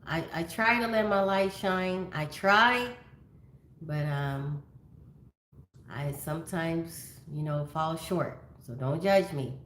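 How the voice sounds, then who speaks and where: A woman's voice: low voice, slow pace, a bit bright, slight background noise. A woman in her fifties hosting a casual livestream, greeting viewers by name and chatting about her day. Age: 50s. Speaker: livestream host. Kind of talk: casual livestream chat reading viewer comments. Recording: echoey room.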